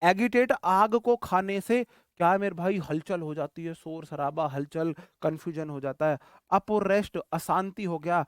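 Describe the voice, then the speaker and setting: A male English vocabulary teacher giving a classroom lecture in an animated way, repeating words, firing off quick questions and joking memory tricks, and calling his students brother. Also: a little high, smooth, no echo, studio quality. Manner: jokey memory tricks, calls listeners brother.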